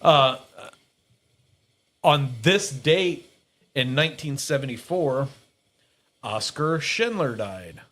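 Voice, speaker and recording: A man's voice: medium pitch, lively intonation, takes it slowly, pauses often, fairly bright tone. Rambling middle-aged man, casual chat. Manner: rambling, self-correcting, laughs easily. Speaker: podcast host.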